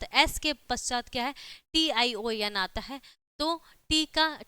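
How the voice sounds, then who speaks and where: A woman's voice: on the high side, sharp tone, clear, resonant tone, no room sound. A woman teaching an online exam-prep lesson, explaining step by step with frequent rhetorical questions and repeated check-ins.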